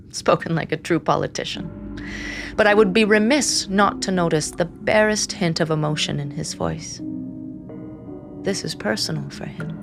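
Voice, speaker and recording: An actress narrates a dark fantasy audio drama in the first person as an anxious, devoted sister, speaking in a measured, intense way. Her voice is lowish with vocal fry, her mood watchful and wry, and music plays in the background.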